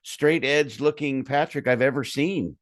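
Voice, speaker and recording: Male podcast host, playful and animated, video call chat. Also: medium pitch, measured pace, dry recording, studio quality. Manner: joking, animated storyteller. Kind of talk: casual interview chat.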